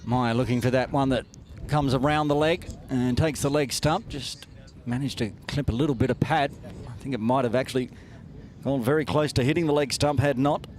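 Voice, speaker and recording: A man co-commentating on a cricket match, calmly adding statistics and replay analysis. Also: mid-range voice, a little hiss or hum. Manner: measured, citing past statistics. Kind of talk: live sports analysis.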